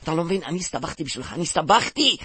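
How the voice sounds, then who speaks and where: Man doing stuttery goofy guy, husky, always punning, radio play. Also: fairly high pitch, sing-song, bright, forceful tone, dry recording, full character voice. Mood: scolding. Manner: stammering, silly puns. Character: bumbling stammering man, joking peacemaker. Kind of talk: comic radio play acting.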